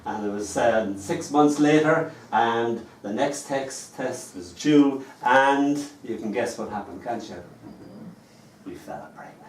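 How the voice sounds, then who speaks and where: Speaking slowly in a mid-range voice, an Irish man shares wry, chatty stories between the poems of his live reading. He's in a small performance venue, recorded from a distance in an echoey room with slight background noise.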